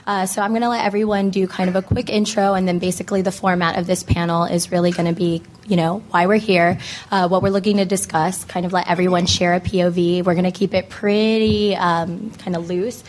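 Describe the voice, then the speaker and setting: An American woman moderating a panel, hoarse from laryngitis, speaking in a casual, conversational way with plenty of filler phrases like "you know". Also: on the low side, little pitch movement, fairly quick, darkish tone, a little hiss or hum. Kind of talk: informal panel introduction to an audience.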